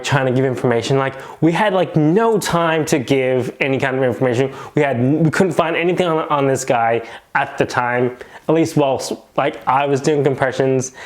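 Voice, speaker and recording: A man tells a story casually, filling his sentences with "like". His voice sits at an ordinary pitch. He tells it in an animated way, as a nurse recounting something that happened to him. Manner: animated retelling, heavy use of "like".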